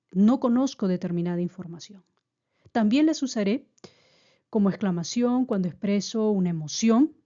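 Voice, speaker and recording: Lady teaching grammar, patient and explainy, mellow voice, kinda dull lo-fi sound. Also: mid-range voice. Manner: patient, explanatory, repeats key points. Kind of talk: spoken grammar lesson.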